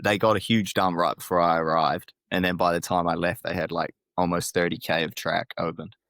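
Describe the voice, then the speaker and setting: A man's voice: low-pitched, little pitch movement, brisk, fairly bright tone, no echo. A young man from New Zealand with a New Zealand accent, a podcast guest telling laid-back stories, swearing and laughing often. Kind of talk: casual chat.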